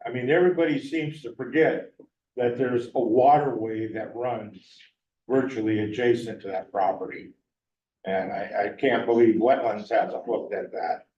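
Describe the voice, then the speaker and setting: Male resident at public forum, earnest and deliberate, off-mic in a roomy, dull meeting-hall recording. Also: mid-range voice, steady tone, mellow, recorded from a distance. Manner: earnest, measured, slows to stress points. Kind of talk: public comment at a town meeting. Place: town meeting room.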